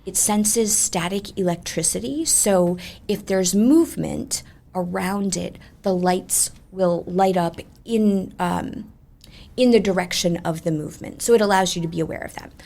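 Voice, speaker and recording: A woman ghost tour guide chatting in an animated, emphatic way as she tells ghost stories in an interview. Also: on the low side, a little slow, creaky. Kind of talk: conversational ghost storytelling.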